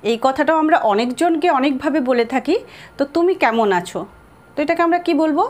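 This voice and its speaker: Bengali-accented woman teaching english, lively voice going up and down, spells stuff out. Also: sits high. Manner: spells words letter by letter and repeats example sentences slowly. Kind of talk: spoken English lesson.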